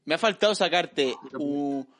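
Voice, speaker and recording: A man's voice: a little high, unhurried, a bit bright. A man hosting a casual group chat, talking insistently and repeating himself.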